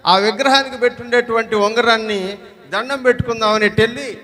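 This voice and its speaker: A man preaching as a pastor, asking the congregation questions, pressing for loud replies and slowing down on key words. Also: very high voice, steady tone, slight background noise. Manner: slows down to stress key words. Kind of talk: sermon. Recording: long hall reverb.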